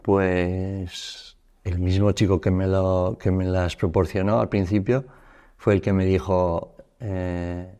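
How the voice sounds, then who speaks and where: A man in his fifties from Spain tells his own story to an interviewer in a low, mellow voice. He speaks haltingly and keeps restarting his sentences. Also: flat delivery, clean tone. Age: 50s. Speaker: guest.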